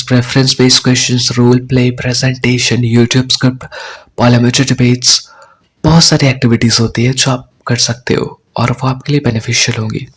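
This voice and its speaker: Teaching spoken English, this young Indian-accented man explains deliberately in blended Hindi and English, often pausing to ask "right?". His mid-range voice has a slightly rough edge.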